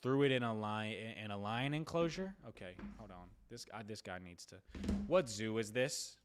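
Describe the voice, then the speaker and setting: Excitable young male streamer. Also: fairly low pitch, smooth. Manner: excitable, rapid shout-outs, repeats himself. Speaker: livestreamer doing prank calls. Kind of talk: casual live-stream chat with viewers.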